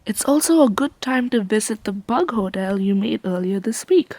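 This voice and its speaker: A woman giving playful, measured educational narration for children as a nature presenter. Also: mid-range voice, expressive, darkish tone, no room sound.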